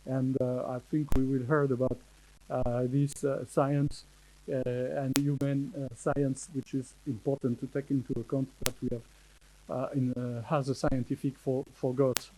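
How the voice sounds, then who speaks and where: A man with a French accent, a native French speaker, giving a conference presentation in English, halting, with many fillers and restarts. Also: mid-range voice, little pitch movement, darkish tone, a little hiss or hum, low-quality recording. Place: conference hall.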